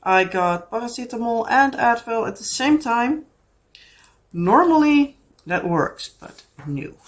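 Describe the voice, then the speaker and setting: She takes it slowly, her voice on the high side with lively intonation. A chatty Dutch-accented craft vlogger from the Netherlands, she talks casually to camera, wandering through fillers and restarts.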